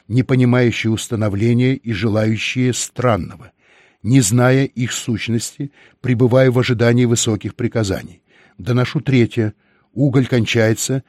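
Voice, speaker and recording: A man's voice: mid-range voice, a little mellow, dry recording, studio quality, close to an everyday voice. A man voicing a male feudal guard who delivers a stiff, formal report in an audiobook.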